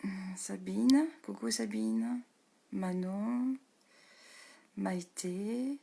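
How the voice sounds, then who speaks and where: With a creaky voice she calls low, a woman energy healer and meditation host welcomes viewers one by one on a live stream. She speaks slowly and gently, laughing a lot and dropping into hushed whispers.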